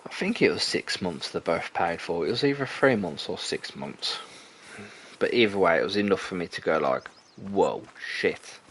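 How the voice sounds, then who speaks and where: A young man chats through a hunting game on stream. His voice sits low and deep, and he rambles along, cutting himself off and restarting his sentences. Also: expressive, moderate pace, a bit bright, slight background noise. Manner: rambling, chatty, self-correcting. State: out of breath. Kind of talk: casual gameplay commentary.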